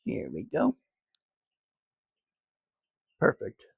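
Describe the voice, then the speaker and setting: A man's voice: very slow, dry recording, highs cut off. A man hosting a casual cigar review vlog outdoors, rambling in a laid-back way with fillers and crude jokes. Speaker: cigar reviewer, channel host. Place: outdoors on a sunny day.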